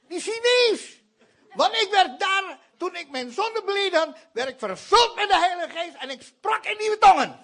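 High-voiced, animated man telling a testimony. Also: husky. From India. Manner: animated, acts out the voices of people in his story; keeps addressing the audience with "I tell you". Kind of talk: sermon-style testimony storytelling.

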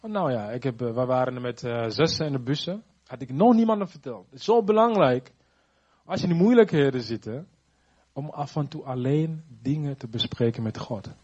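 A man giving a personal faith testimony, halting and searching for words, earnest and reflective. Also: medium pitch, a little mellow, lo-fi sound.

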